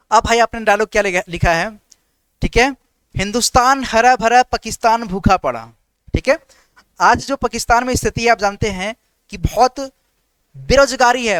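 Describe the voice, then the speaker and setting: High-voiced man drilling a class. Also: fairly bright tone, clean tone, no echo. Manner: rapid call-and-response drilling, asks letter values and answers himself; repeats "ठीक है" as a filler. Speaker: reasoning teacher for government exams. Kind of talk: online exam-prep class.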